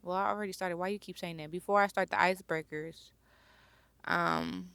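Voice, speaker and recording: A young woman hosting her own podcast, talking slowly and reflectively in a personal, heartfelt monologue and pausing to search for words. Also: lowish voice, steady tone, creaky, a bit bright, no echo. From born near Chicago, raised near Atlanta. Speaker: podcast host.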